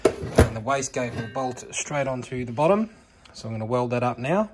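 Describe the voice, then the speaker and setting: Bloke narrating a car project. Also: male voice, mid-range voice, lively intonation, normal speed, slightly rough, soft background music. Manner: laid-back, slangy, blokey. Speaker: car project video host. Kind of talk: casual workshop vlog narration.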